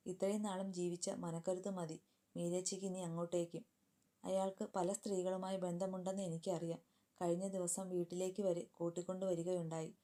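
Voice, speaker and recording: A woman voicing a young woman who is a grieving, tender elder sister, speaking softly and affectionately. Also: fairly low pitch, close to an everyday voice. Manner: soft, affectionate, sorrowful.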